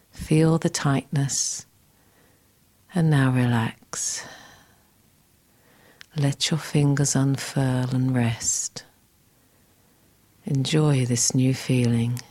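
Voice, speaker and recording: A woman guiding a scripted relaxation exercise in a soft, soothing, breathy, near-whispered voice. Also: rumbling low. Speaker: relaxation guide.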